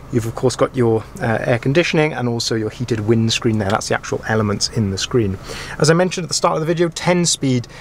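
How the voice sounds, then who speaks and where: A man's voice: medium pitch, slight background noise. A man, a car sales manager, giving a chatty, enthusiastic walkaround review of a pickup truck, recorded on a handheld camera. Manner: chatty, enthusiastic, frequent ums and uhs. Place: inside a pickup truck, then outdoors at a dealership yard.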